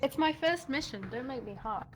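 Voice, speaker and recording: A man's voice: animated, moderate pace, a crowd in the background. A man putting on a meek, giggly young helm officer girl. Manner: breathy, high and soft, giggling.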